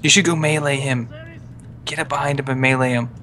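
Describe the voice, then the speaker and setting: A man's voice: mid-range voice, fairly even intonation, bright, forceful tone. A young man joking and calling out enemies while playing a co-op stealth game with a friend. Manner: playful, goofy, gives quick callouts. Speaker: gaming co-host. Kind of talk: casual co-op gameplay commentary.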